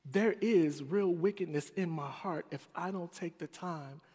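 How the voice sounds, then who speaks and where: Male preacher from Chicago, animated confessional storytelling, slightly high voice, long hall reverb. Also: a little slow, husky. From Chicago, United States. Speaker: chapel speaker. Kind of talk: storytelling sermon.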